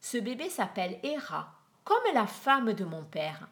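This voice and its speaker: A wary, wondering boy god of myth as a woman reader puts him on. Speaks in a quiet, musing tone in a storybook reading. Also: mid-range voice, very animated, measured pace. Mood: puzzled. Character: young boy messenger god, puzzled and wary.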